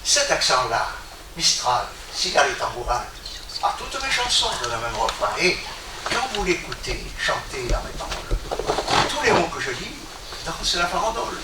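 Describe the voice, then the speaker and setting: A man reciting a poem aloud to a gathering in a declamatory, expressive way. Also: a little high, moderate pace. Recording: echoey room from a distance, background noise.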